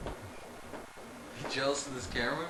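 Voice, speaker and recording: A man's voice: medium pitch, steady tone, slow pace, distant mic. A young man teasing his friends in casual chat, heard on an old camcorder tape. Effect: old camcorder tape sound. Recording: roomy, noisy camcorder audio.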